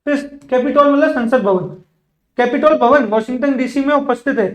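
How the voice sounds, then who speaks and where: A man teaching spoken English in a classroom, explaining words in Hindi, then saying each English example sentence slowly and carefully, often repeating words and asking the class questions back. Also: very high-pitched, roomy sound, dull audio. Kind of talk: bilingual classroom lesson.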